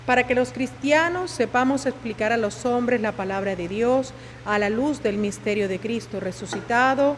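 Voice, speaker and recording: A woman's voice: on the high side, normal speed, few pauses. A woman reading liturgical petitions aloud as a lay reader at Mass, in a large echoing church. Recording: cathedral-like echo, faint background noise.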